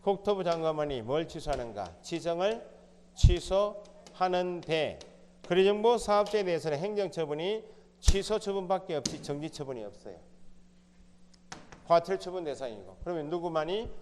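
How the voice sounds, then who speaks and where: A man's voice: a little high, animated, normal speed, darkish tone, slight background noise. Quizzing male lecturer in a reverberant room. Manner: quizzing, asks and answers his own questions. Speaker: exam prep instructor. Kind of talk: recorded lecture.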